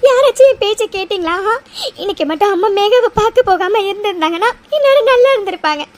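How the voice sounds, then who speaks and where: A grown daughter in a cartoon, voiced by a performer, frightened for her mother and reproachful. Her voice is shrill and very high. She scolds and repeats herself through tears. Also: animated, fast. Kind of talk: cartoon voice acting.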